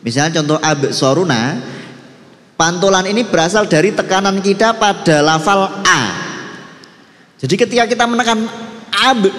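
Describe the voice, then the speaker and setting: A man teaching Quran reading in a mosque, drawing out sounds slowly and loudly before relaxed explanations. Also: a little high, reverberant, long reverb tail. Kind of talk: classroom Quran reading lesson. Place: mosque hall.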